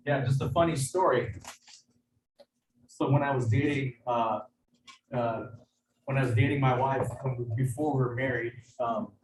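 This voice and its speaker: A man, a chef, giving a casual cooking demonstration in a kitchen over a video call. He talks in a hesitant, halting way, with lots of fillers and restarts. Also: mid-range voice, a little mellow. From United States. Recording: echoey room, far from mic, background noise.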